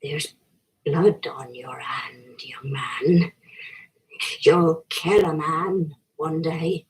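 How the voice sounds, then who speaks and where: Fortune teller woman, played by an actress, low pitch, slow delivery, hushed, ominous, wheedling prophecy, dramatic acting. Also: fairly even intonation, poor audio.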